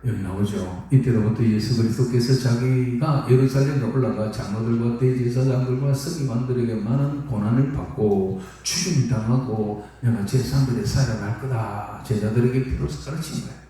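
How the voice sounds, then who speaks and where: A man preaching a sermon in a church, animated and dramatic. He acts out biblical characters and leads the congregation in reading aloud together. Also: mid-range voice, moderate pace, hardly any pauses. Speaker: pastor. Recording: echoey church hall from far off.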